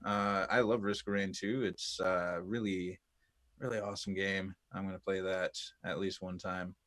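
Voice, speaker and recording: A man's voice: deep voice, flat delivery, normal speed, a bit bright, no echo, clean studio sound. A man co-hosting a gaming podcast, rambling loosely and swearing casually. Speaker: podcast co-host. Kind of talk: casual chat.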